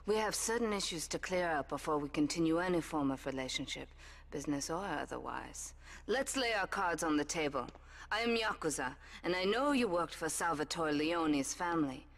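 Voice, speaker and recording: In a video game cutscene, an actress voices a cold, commanding Yakuza woman boss who issues curt, dryly seductive orders in a mood of cool command. Her low voice is expressive and moves at a moderate pace.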